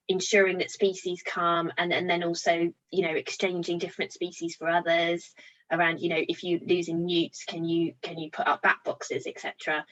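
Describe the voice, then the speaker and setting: A woman's voice: fairly low pitch, muffled recording. A woman hosting an online question session over a video call, chatty and full of fillers. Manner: chatty, many ums. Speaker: event host. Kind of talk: hosting a webinar Q&A.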